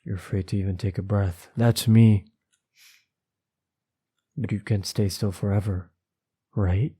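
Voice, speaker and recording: Low husky man reading horror aloud. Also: little pitch movement, mellow. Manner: reads quickly, stumbling, with nervous asides to viewers. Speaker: channel host reading a horror story. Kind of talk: second-person horror story read aloud.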